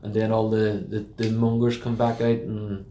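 A man hosting a casual football podcast, briskly steering the chat and wrapping it up. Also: lowish voice, flat delivery, dark tone, slight background noise. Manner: brisk, steers the talk and wraps up. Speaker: podcast host. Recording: roomy echo.

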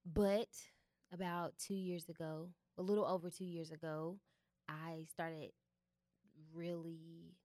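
A young woman talks slowly in a low-leaning voice as a guest on a casual studio interview. She is an artist and founder, relaxed and candid, with many fillers. There's no room sound.

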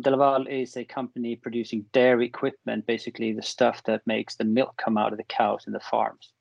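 A man's voice: medium pitch, gravelly, darkish tone, dry recording. A man from Sweden chatting casually as a panel guest, jokey and self-deprecating. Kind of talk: casual podcast chat. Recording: dull lo-fi remote audio.

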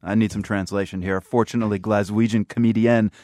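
A man's voice: on the low side, level tone, fast, dark tone, no room sound, studio quality. A man hosting a broadcast interview, asking curious, light questions. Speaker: radio host.

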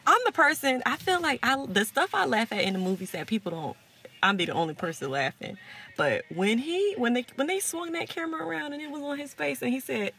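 A woman's voice: high-pitched, fairly quick, creaky. A woman hosting a podcast, chatting casually and animatedly, with features in her speech. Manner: animated, bursts into loud laughter. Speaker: podcast host. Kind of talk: casual chat.

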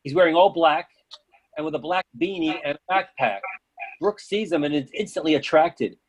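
A man's voice: fairly high pitch, moderate pace, a little hiss or hum, low-quality recording. A man reading stage directions as scripted narration for a play.

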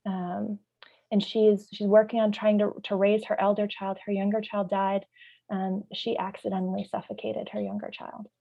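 A woman of middle pitch talks through ideas in a podcast discussion, pausing to search for words before building into a lively story. The recording sounds a little dull and lo-fi. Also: vocal fry, breathy edge. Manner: thoughtful, searching for words, vivid when storytelling. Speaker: parent trainer.

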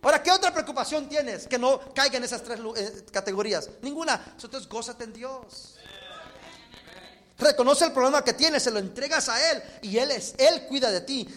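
A man's voice: very high-pitched, lively intonation, normal speed, bright, forceful tone. A male pastor preaching a sermon with English words mixed into his talk, acting out little dialogues as he goes.

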